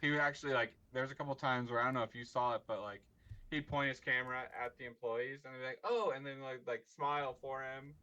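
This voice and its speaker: A man co-hosting a podcast, chatting casually and haltingly with lots of likes and restarts. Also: mid-range voice, steady tone, sharp tone. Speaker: podcast co-host. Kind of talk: casual sports chat. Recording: dull lo-fi recording.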